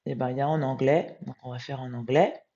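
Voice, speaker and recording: A woman's voice: rumbling low, fairly even intonation, dark tone, muffled recording. Tired woman muttering at her screen. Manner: muttering to herself, reads passages slowly and emphatically. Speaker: medium transcribing a channeled text. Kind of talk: live screen-recorded transcription, thinking aloud.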